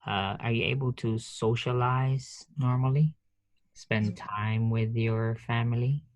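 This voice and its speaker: Halting lecturer on a headset mic. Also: male voice, mid-range voice, fairly even intonation, dry recording, muffled recording. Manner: halting, many fillers and restarts. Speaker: nursing professor. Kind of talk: online lecture. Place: office.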